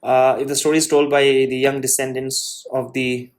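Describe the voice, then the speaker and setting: A man hosting a show, reading an essay aloud and adding his own comments, with halting delivery, restarts and frequent "you know" fillers. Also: mid-range voice, flat delivery. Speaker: host.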